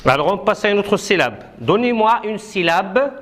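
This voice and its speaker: A woman's voice: mid-range voice, big pitch swings, normal speed, slight background noise. A woman teaching a classroom reading lesson, patiently drilling syllables and correcting young pupils. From Morocco. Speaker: primary school teacher.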